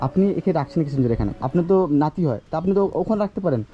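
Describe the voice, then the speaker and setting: A man's voice: on the high side, expressive, very fast, muffled recording. A man filming outdoors as a social worker vlogger, pressing with repeated questions. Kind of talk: confrontational street interview.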